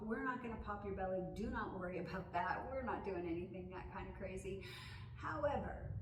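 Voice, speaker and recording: Casting: female yoga instructor, mid-pitched, conversational and reassuring, recorded at a distance in a roomy space. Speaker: yoga teacher. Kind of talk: instructional yoga talk, explaining step by step. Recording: roomy echo, distant mic, faint noise.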